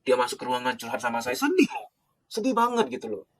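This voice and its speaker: A middle-aged man from Indonesia, a psychologist giving a passionate lecture, animated and swinging between loud pleading and soft hushed asides. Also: medium pitch, fast, a little hiss or hum.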